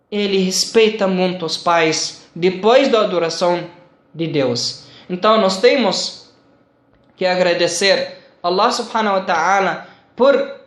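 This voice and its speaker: A man giving a religious lesson, speaking slowly and haltingly in simple phrases with many repeats. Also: high-pitched, fairly bright tone. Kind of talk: sermon-like lesson. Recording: echoey room.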